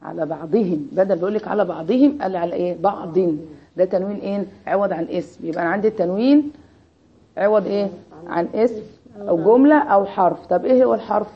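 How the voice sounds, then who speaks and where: The recording sounds lo-fi as an Egyptian woman with a mid-range voice teaches Arabic grammar at a rapid-fire clip. Her lesson is call-and-response, packed with repeated "what?" questions aimed at her students.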